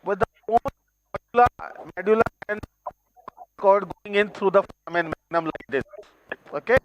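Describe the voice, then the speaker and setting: A man with an Indian accent, teaching anatomy on a video call, slowly pointing out structures while his audio glitches and breaks up. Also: high-pitched, a little hiss or hum, rough recording. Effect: glitching, breaking audio over a video call. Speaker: anatomy demonstrator. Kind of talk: live online dissection teaching.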